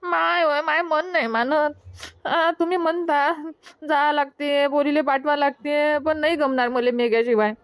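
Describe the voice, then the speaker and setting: A woman's voice: high voice, fairly even intonation, measured pace, dry recording. A woman voicing a grieving village mother in a cartoon, speaking with a Varhadi Marathi accent and a lamenting, tearful manner. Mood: sorrowful. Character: grieving village mother marrying off her daughter. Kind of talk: cartoon comedy voice acting.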